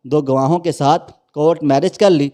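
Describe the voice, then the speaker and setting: Man telling a sad moral story, kinda preachy, mellow voice. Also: a little high, fairly even intonation. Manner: preachy, emotional. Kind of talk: dramatic moral story narration.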